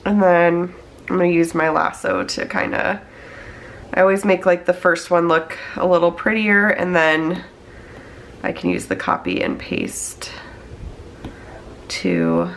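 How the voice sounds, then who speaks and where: Congested from a cold, this thirtysomething budget vlogger speaks slowly and expressively in a low, creaky voice, pausing often, with slight background noise. She's chatty and narrates her steps as she plans her budget on a tablet.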